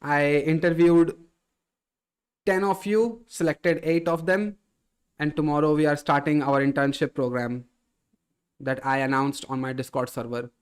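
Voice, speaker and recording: A man hosting a casual live stream, reading viewer chat aloud and answering in a relaxed way, often calling people "bro". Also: a little high, a little slow, pauses often, smooth.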